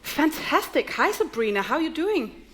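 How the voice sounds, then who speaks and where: Actress as an over-polite call-centre surveyor, eager, bright customer-service voice, a touch high. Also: female voice, sing-song, normal speed. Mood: cheery. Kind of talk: live music-theatre acting. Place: theatre stage.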